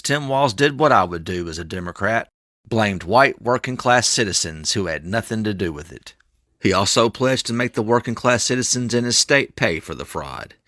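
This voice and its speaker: A man's voice: fairly low pitch, pushed and bright, no echo, clean studio sound. A man playing a smug, biased parody news anchor with a formal scripted newsreading delivery.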